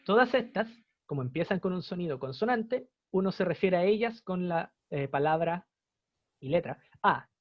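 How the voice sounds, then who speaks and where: A young man with a Chilean Spanish accent teaches English in an online class. His voice sits high and he explains patiently, repeating each example. The sound is dull and lo-fi, with a dry, close feel. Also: animated, normal speed, no echo.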